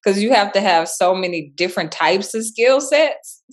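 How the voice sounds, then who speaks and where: A South Side Chicago woman, a school principal in her thirties or forties, chats cheerfully in a casual interview. Her mid-range voice is animated and moves at a normal speed, and she laughs easily.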